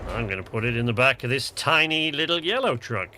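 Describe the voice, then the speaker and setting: A man's voice: mid-range voice, lively intonation, a little fast, pushed and bright. A man hosting a co-op game livestream, talking casually and rambling as he plays. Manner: chatty, rambling, thinks aloud. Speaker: livestream host. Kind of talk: casual gameplay commentary. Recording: noisy stream audio with game sounds.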